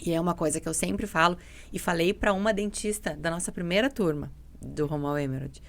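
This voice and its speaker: A woman who is a dental mentoring business partner tells stories animatedly as a guest in a casual podcast conversation. Her lowish, gravelly voice is brisk, blunt and emphatic, and she repeats herself and quotes dialogue.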